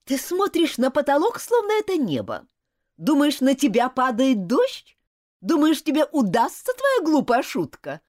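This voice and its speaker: A woman's voice: on the high side, huge pitch swings, normal speed, no room sound, studio quality, pitched above the performer's own voice. A woman voicing a fierce, scolding schoolteacher. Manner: sharp scolding, loud and cutting. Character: strict, quick-tempered female French schoolteacher. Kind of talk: audiobook character voice.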